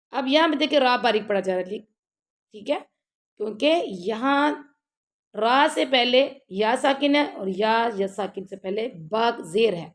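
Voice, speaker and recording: A woman teaching Quran recitation step by step, reciting verses slowly and drawn out, then briskly explaining the rules. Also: a little high. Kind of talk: step-by-step tajweed lesson.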